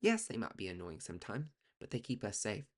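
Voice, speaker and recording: A man giving a casual tarot reading, talking in a profane, sassy, coaching way, swinging between loud bursts and quiet asides. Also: on the low side, huge pitch swings, brisk. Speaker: tarot reader.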